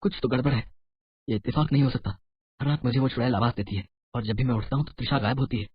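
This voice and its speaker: A woman's voice: medium pitch, lively intonation, husky, no room sound. A woman voicing a frightened, suspicious young husband in a cartoon horror story. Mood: worried. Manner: anxious, hurried. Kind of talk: cartoon voice acting. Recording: muffled, with a faint hiss.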